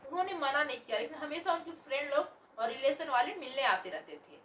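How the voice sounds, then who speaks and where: A woman's voice: sits high, lively intonation, brisk, a bit bright, a little hiss or hum. A woman playing a selfish young married daughter who whines and argues back at her mother in a home family drama. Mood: petulant defiant. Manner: petulant, whining, dismissive. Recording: roomy echo, voice from a distance.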